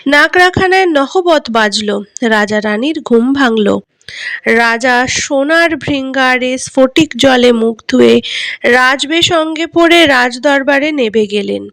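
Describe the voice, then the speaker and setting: A woman reading a classic fairy tale aloud with measured, expressive recitation. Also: high-pitched, no echo. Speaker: reader.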